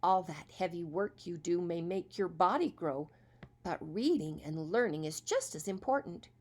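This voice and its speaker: Casting: a woman doing a bright, bustling pioneer stepmother, warmly bossy, voice leaping around. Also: lowish voice, expressive, normal speed. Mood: scolding. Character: cheery bustling stepmother, kind but firm. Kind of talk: storybook reading.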